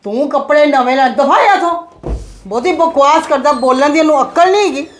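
Actress as a strict mother, lecturing and exasperated, fairly high voice, echoey room, faint hiss. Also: moderate pace, natural voice. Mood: scolding. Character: strict frugal mother of two sons. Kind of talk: family drama acting.

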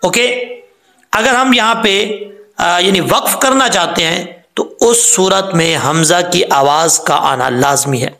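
High-pitched bright man teaching recitation. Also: roomy sound. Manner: explains slowly, models recitation drawn out. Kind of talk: tajweed lesson.

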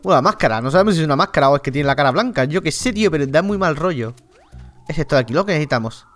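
A man with a Spain Spanish accent commentates on a video game as a YouTuber. He is excitable and slangy and swears freely, and his pitch swings lively up and down. Faint game music plays under his voice. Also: very fast. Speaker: gaming YouTuber. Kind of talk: let's-play gaming commentary.

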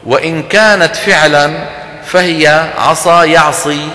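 Male lecturer, forceful bright voice, teaches by questions and sound demos, hall echo. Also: fairly high pitch, steady tone, measured pace. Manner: explanatory, asks the audience questions and demonstrates sounds. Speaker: lecturer on Quran recitation. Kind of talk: religious lecture to an audience. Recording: echoey hall recording.

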